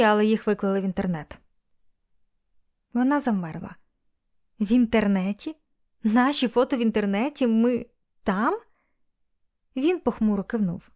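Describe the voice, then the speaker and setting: A woman's voice: on the high side, a little mellow. A woman narrating a romance novel as an audiobook, reading every character's lines herself.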